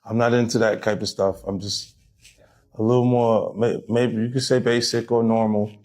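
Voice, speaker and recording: A man's voice: on the low side, little pitch movement, moderate pace, darkish tone. A man talking casually as an interview guest, insistent and repeating his points.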